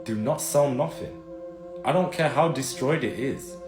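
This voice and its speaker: A UK-based vlogger of Jamaican and Turkish heritage speaks in a mid-range voice at a measured pace, urgently warning viewers and repeating his pleas. It's an earnest appeal straight to camera, recorded with a roomy sound and loud music underneath.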